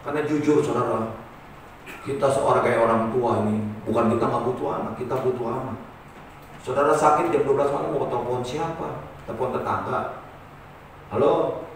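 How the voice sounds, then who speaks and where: A male pastor preaching a sermon to his congregation, swinging between loud emphatic lines and quiet asides. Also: mid-range voice, a little hiss or hum. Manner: addresses the congregation as saudara. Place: church hall. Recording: very echoey church hall, mic at a distance.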